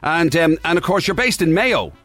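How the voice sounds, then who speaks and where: A man's voice: a little high, big pitch swings, normal speed, a bit bright, soft background music. A man with an Irish accent co-hosting a breakfast radio show in a chatty, informal style. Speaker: radio co-host. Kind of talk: casual breakfast radio presenting.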